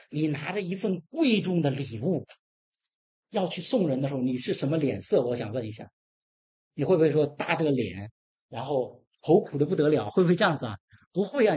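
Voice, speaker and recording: Husky preacher, voice swings all over, firing questions at the congregation and acting out bible scenes. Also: medium pitch, mellow. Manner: emphatic, asks the congregation rhetorical questions; acts out scripture dialogue. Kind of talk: sermon.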